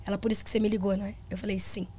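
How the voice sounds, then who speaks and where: A woman's voice: mid-range voice, little pitch movement, rapid-fire, dark tone, breathy edge. A middle-aged woman, a gospel singer and pastor, telling a personal testimony on a podcast in an earnest storytelling manner and acting out the dialogue.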